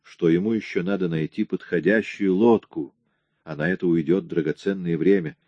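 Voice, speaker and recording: A man reading a crime novel aloud in a steady storytelling manner. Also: sits low, moderate pace, dry recording, muffled recording. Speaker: audiobook reader. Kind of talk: scripted audiobook narration.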